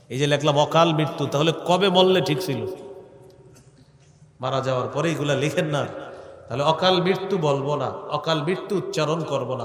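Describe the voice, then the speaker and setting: A man preaching a sermon, chanting scripture slowly and explaining it in plain conversational speech full of rhetorical questions. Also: a little high. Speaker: Islamic preacher. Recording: echoey hall with long reverb.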